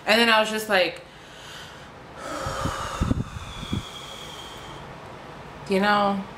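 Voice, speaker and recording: A woman's voice: medium pitch, flat delivery, extremely slow, background noise. A woman vlogger ranting casually to camera, frustrated, swearing freely and filling her talk with "like".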